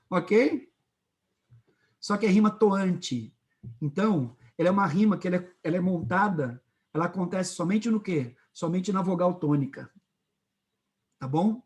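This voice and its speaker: A male literature teacher with a Brazilian Portuguese accent and a fairly high voice lectures to his students. He talks in a lively way, and he keeps pausing to make sure the class is following him. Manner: lively, checks in often with the class.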